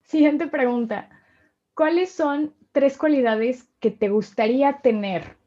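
A woman's voice: high voice, slow, warm tone, lo-fi sound, a little hiss or hum. A woman interviewing a guest, asking short questions and prompting answers. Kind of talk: casual interview.

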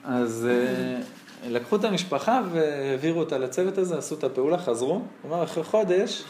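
A man's voice: fairly high pitch, lively intonation, a little mellow, a little hiss or hum. A man, a rabbi, preaching a sermon and telling stories, his voice rising and dropping sharply. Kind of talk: sermon with storytelling. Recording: roomy echo.

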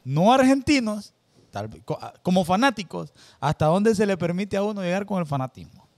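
Lively, opinionated man. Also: high voice, moderate pace. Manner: opinionated, argues his point. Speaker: podcast co-host. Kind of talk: casual chat.

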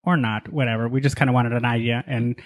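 A man with a loud, projecting voice, chatting casually and jokingly as a podcast co-host. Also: mid-range voice, steady tone, fast talker, dry recording. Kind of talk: casual comic chat. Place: apartment room with the AC off.

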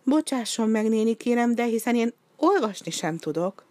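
A woman's voice: fairly high pitch, animated, warm tone, no echo, voice pushed up, natural voice. A woman voicing a small, polite male penguin with a pleading, apologetic manner.

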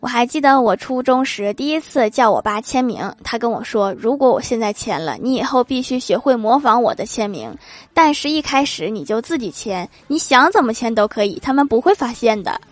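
A woman hosting a comedy podcast, reading jokes aloud with lively commentary and laughing at her own punchlines. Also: fairly high pitch, brisk, no echo.

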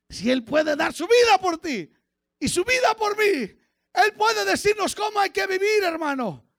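A pastor preaching a fiery sermon, his voice pitched very high with a gravelly edge. He swings from low murmurs to shouted exhortation and keeps calling the congregation "hermano". The recording is dry and close, with little room sound. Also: big pitch swings, measured pace, pauses often, no echo. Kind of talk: fiery Pentecostal-style sermon.

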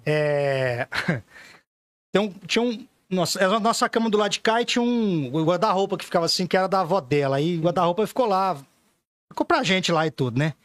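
A man on a podcast as the guest, telling funny stories in a casual, animated way and acting out the voices of the people in them. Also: high voice, brisk, no echo. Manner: animated, acts out voices in anecdotes, says "cara" often. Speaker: podcast guest, store owner. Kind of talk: casual storytelling chat.

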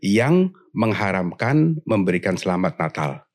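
A man in a casual panel discussion, explaining his views in a measured way, often pausing and restarting. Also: low voice, sing-song.

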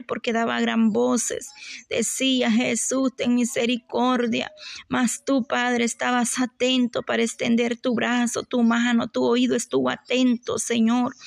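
A woman worshipper leads a fervent spoken prayer in a fairly high, creaky voice, pleading devoutly and returning again and again to repeated invocations. Her pitch stays narrow and even, her pace unhurried. The recording is dry and close, with no room sound.

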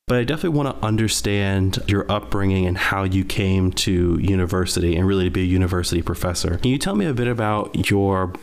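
Low-voiced thoughtful male interviewer. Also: fast talker, hardly any pauses. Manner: thoughtful, long winding questions. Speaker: podcast host.

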